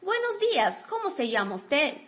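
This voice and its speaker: A woman's voice: high voice, very animated, moderate pace, fairly bright tone. A woman reading a friendly new female employee's lines from a textbook dialogue in a plain, courteous way. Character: friendly young woman starting a new job.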